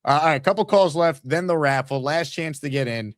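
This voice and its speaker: A man's voice: fairly high pitch, brisk, dry recording, clean studio sound. A man casually hosting a live sports fan call-in show.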